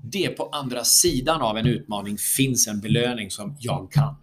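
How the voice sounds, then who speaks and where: Male guest lecturer, mid-pitched, animated storyteller, salty language, conversational. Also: slight background noise. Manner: animated storyteller who swears freely and acts out quotes. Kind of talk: conversational podcast talk.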